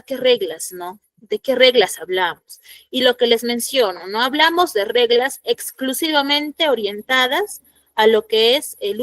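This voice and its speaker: A woman's voice: fairly high pitch, a bit bright, no echo. A woman teacher, explaining grammar rules and asking her students questions. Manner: explanatory, asks the class questions. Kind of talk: classroom lesson to students.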